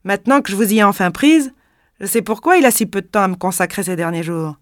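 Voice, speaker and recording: A woman reader voicing a massive, coarse young woman who shouts harsh, scornful accusations in a shrill voice. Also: lively intonation, quick pace, no room sound, clean studio sound, close to an everyday voice. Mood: furious.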